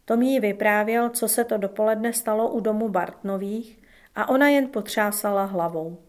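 A woman narrating a novel as an audiobook, in a calm, measured storytelling manner. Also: medium pitch.

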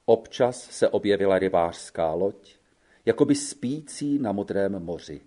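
A man reading a classic story aloud as narrator, measured and expressive. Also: deep voice.

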